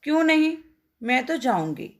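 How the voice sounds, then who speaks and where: A woman's voice: fairly high pitch, expressive, unhurried, gravelly. A woman doing a bossy, punning neighbor aunt. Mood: insistent. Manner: pushy, punning, scolding. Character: bossy, teasing middle-aged neighbor aunt.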